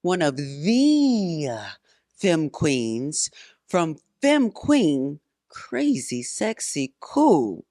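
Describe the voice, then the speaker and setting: A woman's voice: low-pitched, big pitch swings, drawn-out words, dark tone, no room sound, clean studio sound. A woman hosting a casual interview, effusive and playful, with slangy speech. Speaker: host.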